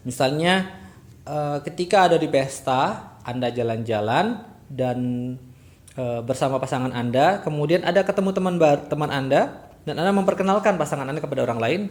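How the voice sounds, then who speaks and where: A man with an Indonesian accent teaching English phrases for introductions, saying each example slowly and clearly. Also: on the high side, animated. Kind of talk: recorded language lesson.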